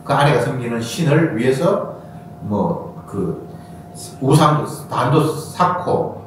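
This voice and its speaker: Animated Korean pastor in an echoey sanctuary. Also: male voice. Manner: animated preaching, acts out quoted voices with sudden high bursts. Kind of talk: sermon. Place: church sanctuary. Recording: echoey church hall from far off, faint noise.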